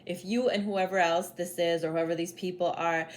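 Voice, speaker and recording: A woman's voice: lowish voice, steady tone, normal speed, slight background noise. Chatty woman giving a tarot reading. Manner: chatty, repetitive, peppered with "like" and "spirit is like"; blunt, casual swearing. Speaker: tarot reader and psychic medium.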